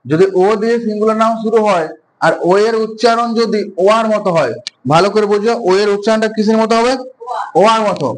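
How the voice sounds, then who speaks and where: High-voiced man teaching grammar. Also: quick pace, slight background noise, rough recording. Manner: repeats questions and answers them himself. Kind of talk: classroom lesson explanation.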